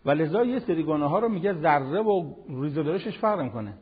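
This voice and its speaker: Husky older man teaching in a hall. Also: on the high side, phone-quality sound. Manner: animated, conversational preaching with everyday examples. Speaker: Quran teacher. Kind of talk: televised religious lesson.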